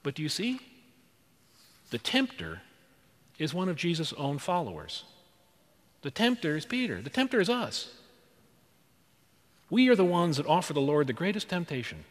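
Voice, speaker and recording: A man preaching in a church, working through rhetorical questions and repeated phrases. His somewhat high voice rises and falls widely. The sound rings with the long reverb of a large hall. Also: huge pitch swings, moderate pace, long pauses. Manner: dramatic, rhetorical questions and repetition. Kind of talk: sermon.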